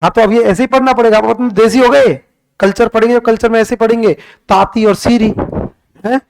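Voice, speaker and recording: A young man teaching a class, firing short questions and repeating them back for the students. His voice sits high and comes through smooth and resonant. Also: steady tone, rough recording. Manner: brisk, quizzing students with rapid repeated questions. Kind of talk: classroom lecture with call-and-response drilling.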